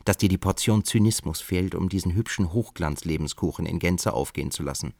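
A man's voice: low-pitched, fairly quick, gravelly, a little mellow, no room sound, studio quality. A man reading an audiobook, voicing a cynical, eloquent male friend who talks in a pompous, lecturing way. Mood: lofty.

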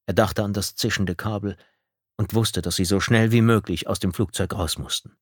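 A man narrating an audiobook in a steady, measured storytelling manner. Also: fairly low pitch, husky, no room sound, clean studio sound. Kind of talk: scripted narration.

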